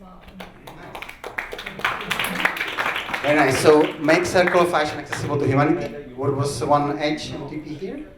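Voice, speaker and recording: A man's voice: on the high side, normal speed, pauses often, very noisy. A man running a workshop. He gives instructions with many fillers and encourages the groups. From Czech Republic. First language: Czech. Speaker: workshop facilitator. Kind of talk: workshop facilitation. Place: large conference hall. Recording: echoey hall, speaker far from mic.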